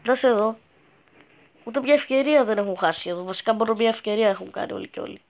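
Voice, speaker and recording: A male YouTuber giving joking, crude gameplay commentary that bursts into excited shouts. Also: high voice, creaky, rough recording. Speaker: gaming YouTuber.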